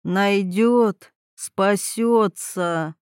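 A woman voicing a mysterious older village woman in mourning who speaks slowly and quietly, in a portentous way. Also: fairly high pitch, smooth, dry recording, clean studio sound. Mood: ominous.

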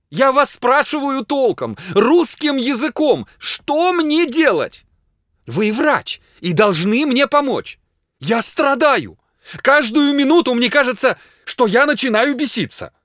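A man voicing a terrified gentleman who fears he is going mad, pleading desperately in high outbursts. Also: big pitch swings, unhurried, no echo, studio quality, heavily acted. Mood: frantic pleading. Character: frantic terrified man, gentleman fearing madness.

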